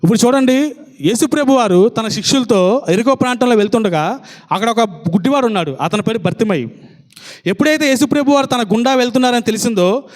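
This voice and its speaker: A man's voice: extremely high pitch, lively intonation, fast talker. A man preaching a fervent sermon, firing rhetorical questions at his listeners.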